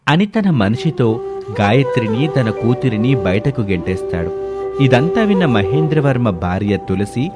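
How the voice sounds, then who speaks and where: A man narrating a scripted story in a steady, matter-of-fact way. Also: mid-range voice, unhurried, over loud music.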